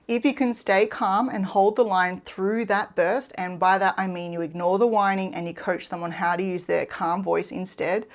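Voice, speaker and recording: Calm, instructive woman. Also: mid-range voice. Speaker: parenting educator. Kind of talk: explainer video to camera.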